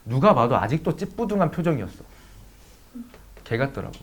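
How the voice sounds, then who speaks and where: A man's voice: mid-range voice, sing-song, brisk, slight background noise. A man teaching math to students, mixing a blunt, profanity-laden personal story into a casual lecture. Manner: blunt, swears freely, talks straight to students.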